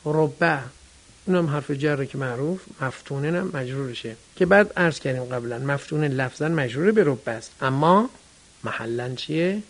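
A male teacher giving a grammar lesson, asking questions and answering them himself, speaking directly to his students. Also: mid-range voice.

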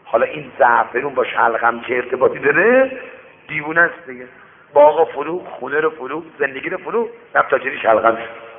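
A man preaching through a moral story, speaking lively and turning to warn his listeners directly. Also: medium pitch. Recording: tinny radio broadcast with long reverb.

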